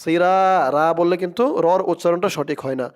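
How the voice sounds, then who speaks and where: A man teaching Quran pronunciation, spelling out each letter slowly and then chanting the verse in long drawn-out tones. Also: sits high. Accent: Bangladeshi Bengali.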